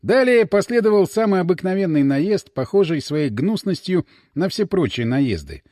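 A man narrating an audiobook in an expressive, ironic storytelling manner. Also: high-pitched, moderate pace, dry recording, studio quality.

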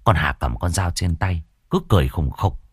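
A man narrating a horror story in an expressive, theatrical way. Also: sits low, moderate pace, slightly rough, dry recording, studio quality.

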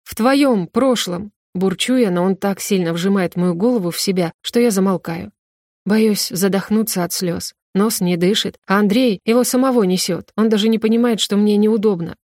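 A woman's voice: mid-range voice, normal speed, a little mellow, no echo, studio quality. A young woman reading a novel aloud in the first person, her telling emotional and tearful. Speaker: audiobook narrator. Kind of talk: first-person scripted narration.

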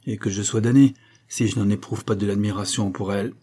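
A man voicing a chatty, blunt young coachman in a French audiobook reading, with a husky tone. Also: on the low side, fairly even intonation, brisk, mellow, close to an everyday voice. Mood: eager.

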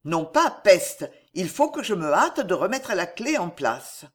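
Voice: medium pitch, very animated, unhurried. A reader voicing a brash, chatty young male servant in an audiobook. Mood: hurried. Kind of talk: audiobook character reading.

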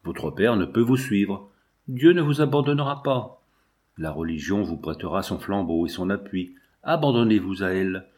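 A cautious governor speaks through a formal, solemn letter in a classic novel, read by a man in his own lowish voice. Each phrase is weighed and dignified. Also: expressive, normal speed, a little mellow. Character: stern, cautious male governor writing a letter.

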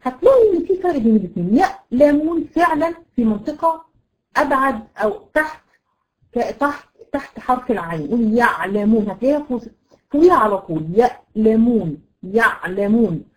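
Fast-talking Egyptian woman teaching tajweed. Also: high-pitched, very animated, rough recording. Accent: Egyptian Arabic. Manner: explains patiently, models sounds slowly and repeats them. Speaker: Quran recitation teacher. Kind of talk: online tajweed lesson to women students.

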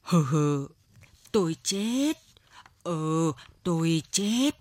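A woman's voice: sits low, expressive, extremely slow, a little mellow, no echo, heavily acted. A woman voicing an old male addict who mumbles weakly and faintly in a storybook reading. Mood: weak groaning. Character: old male opium addict, groaning and despairing.

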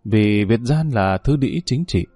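A man voicing a weary, gentle aging father who speaks softly and consolingly to his daughter. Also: expressive, unhurried, slightly rough, dry recording, soft background music. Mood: bitter. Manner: soft, consoling, low-spoken.

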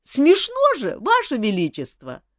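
Woman playing a mischievous male jester, high squeaky voice, giggly, dry close sound. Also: huge pitch swings, a little slow, dry recording, exaggerated voice. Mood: pleading.

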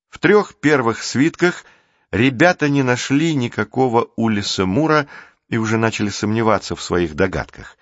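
A man narrating an audiobook calmly and evenly, in a dry, dull recording. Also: lowish voice, no echo. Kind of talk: scripted narration.

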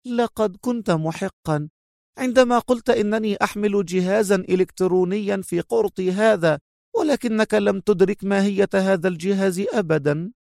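A man's voice: high voice, animated, gravelly, darkish tone, dry recording, clean studio sound, voice pushed up. A man voicing a smug, mocking young woman captive who speaks sarcastically and drags out her words. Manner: sarcastic, teasing, drawn-out.

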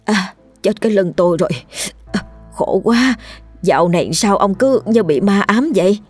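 A woman reader plays a middle-aged wife who is blunt and quick to complain, nagging her husband in a plain, everyday voice. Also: deep voice, dry recording, faint music behind, natural voice. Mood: irritated.

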